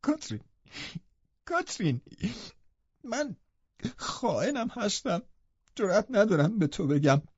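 Sickly, fearful teen boy, begging and sobbing; male reader doing the voice, high and dark-toned. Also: lively intonation, vocal fry, long pauses, breathy edge, dry recording, heavily acted. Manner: sobbing, begging, self-pitying. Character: frail sickly teenage boy, fearful and pleading. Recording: dull lo-fi recording.

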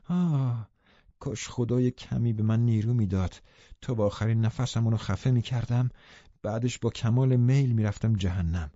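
A man's voice: medium pitch, warm tone, dry recording, dull audio, natural voice. A man reading the lines of an exhausted, vengeful man in an audiobook, weary and bitter.

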